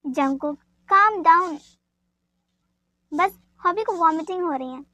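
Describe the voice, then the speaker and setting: A woman voicing a steady young husband who talks in a calming, reassuring way. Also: very high voice, slow pace, no room sound, full character voice.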